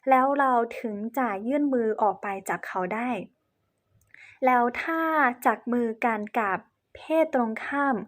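Presenting on cultural etiquette, a woman from China explains things to camera in Thai, a language foreign to her since Chinese is her first language. Her highish voice is polite and slightly halting.

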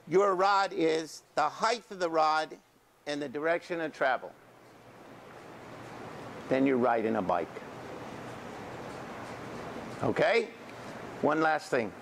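Indoors in a school's welding shop and classroom, an older welding instructor gives casual, folksy instruction, often pausing to ask "okay." He speaks on the high side, with a slight hiss or hum in the audio.

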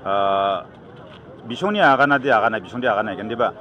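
Talking very fast with lively intonation, this man has a fairly low, bright, forceful voice on a lo-fi recording. He's a middle-aged candidate with a Northeast Indian accent, arguing emphatically in a press interview with some English, outdoors at an evening gathering; handheld news mics are held close and crowd noise fills the background.

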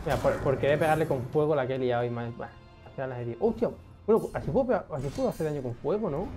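A young man giving casual gameplay commentary, excitable, swearing often and talking to himself as he plays. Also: on the high side, rapid-fire, music in the background. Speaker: gaming streamer.

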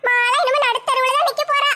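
A woman's voice: very high voice, level tone, fast talker, pushed and bright, voice pushed up, full character voice. A woman doing a gloating village troublemaker. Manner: gloating, sing-song, cackling. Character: scheming gossipy village woman, gleeful troublemaker.

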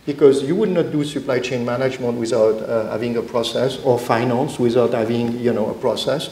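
A man's voice: medium pitch, brisk, dark tone, reverberant, a little hiss or hum, poor audio. A middle-aged man speaking as a panelist on a conference stage, explaining earnestly with frequent restarts. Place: conference stage before an audience.

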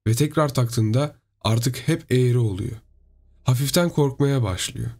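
A man narrating a horror story in a steady, storytelling delivery. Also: medium pitch, a little slow.

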